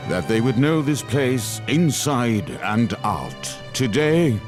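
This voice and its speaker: A man's voice: mid-range voice, big pitch swings, slow, faint music behind. An actor dubbing a male court orator who declaims solemnly in a historical drama. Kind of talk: English dub of a historical drama.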